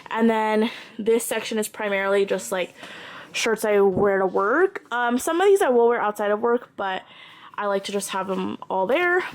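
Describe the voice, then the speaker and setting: A woman's voice: mid-range voice, lively intonation, moderate pace, poor audio. A woman in her twenties rambling casually while filming herself at home with a handheld camera, full of "like" and "um". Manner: chatty, rambling, lots of "like" and "um". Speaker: vlogger. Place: at home, bedroom closet.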